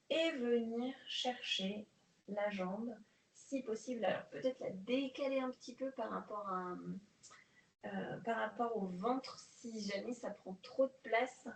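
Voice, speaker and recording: A woman leading a guided prenatal exercise class, calmly counting breaths and giving coaching cues. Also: a little high, far from the mic. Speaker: prenatal fitness instructor. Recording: echoey room, voice off-mic.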